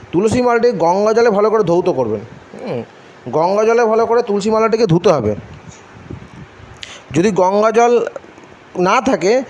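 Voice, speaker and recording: A man from Bengal giving a devotional lesson at an unhurried pace, asking his own questions and answering them, with mantras chanted in between. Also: sits high, a little mellow. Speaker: religious teacher. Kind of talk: devotional instruction video. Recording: faint background noise.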